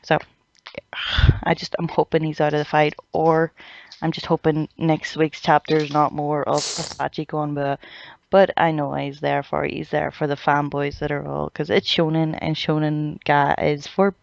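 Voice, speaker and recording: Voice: medium pitch, flat delivery, normal speed, vocal fry. A podcast host giving a casual review of anime chapters, ranting, swearing freely and mocking characters in put-on quote voices. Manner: swears freely, many fillers. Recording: dull lo-fi dry recording.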